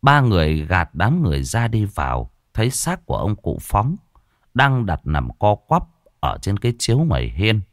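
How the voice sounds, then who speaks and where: A man narrating a ghost story in an expressive, dramatic way. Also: lowish voice, moderate pace, no echo, clean studio sound.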